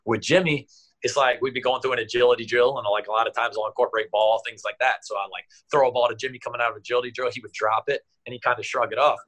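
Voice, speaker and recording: A man's voice: medium pitch, quick pace, husky, poor audio. A man in his thirties, an athletic trainer, telling stories in a casual interview, acting out what people said. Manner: animated, acts out quotes with raised voice.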